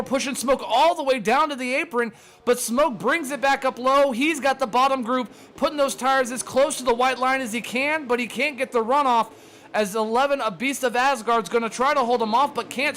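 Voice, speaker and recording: With a very high-pitched voice, this race caller speeds through excited sim racing play-by-play, audibly breathless from tracking the action. A slight amount of background noise is present.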